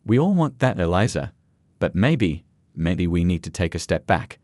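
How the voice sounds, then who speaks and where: Soft gentle young woman, voiced by a man. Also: deep voice, sing-song, moderate pace, dry recording, studio quality. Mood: soft sympathetic. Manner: soft, sympathetic. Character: gentle young woman, caring daughter-in-law.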